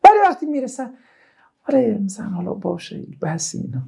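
Lively, mellow-voiced man giving a religious talk. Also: high-pitched, creaky, husky. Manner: chatty, joking asides to listeners. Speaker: religious speaker. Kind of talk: informal religious talk with storytelling.

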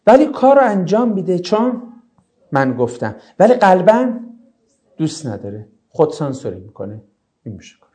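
A male teacher explaining a lesson to his class, often asking rhetorical questions. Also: high-pitched. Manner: animated, explanatory.

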